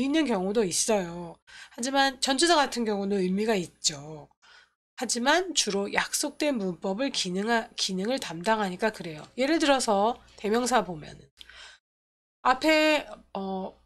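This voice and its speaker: A woman teaching English pronunciation and grammar in an explanatory lecture, restating each point and opening sentences with "so". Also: on the high side. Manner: explanatory, repeats points, starts lines with "so".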